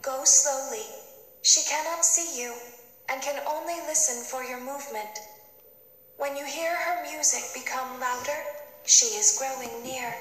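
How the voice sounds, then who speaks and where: A calm eerie animatronic girl. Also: high-pitched. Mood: hushed guiding. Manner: soft, measured, quietly ominous. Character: calm female animatronic guiding a night worker. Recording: echoey game audio over music.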